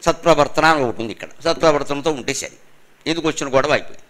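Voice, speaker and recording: Older male religious speaker, slightly high voice, emphatic, chants verses slowly, lectures in a function hall. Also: a bit bright. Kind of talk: spiritual lecture to a live audience.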